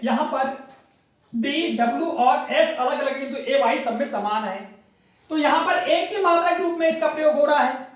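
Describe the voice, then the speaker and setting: High-voiced woman teacher in an echoey classroom. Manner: spells words letter by letter, quizzes the class. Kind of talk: classroom spelling lesson. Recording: very echoey room, mic far off.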